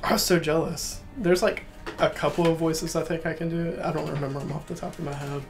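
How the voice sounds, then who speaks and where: A man with a mumbly, slightly hoarse voice chatting casually while playing a video game. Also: a little high, fairly even intonation, brisk, over music. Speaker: let's play co-host. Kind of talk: casual gameplay chat.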